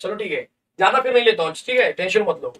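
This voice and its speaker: A man's voice: high voice, lively intonation, fast, a bit bright. A man, a chemistry teacher in a live online lesson, playful and chatty, calling his students kids. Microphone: desk mic on a livestream. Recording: distant, somewhat echoey livestream sound.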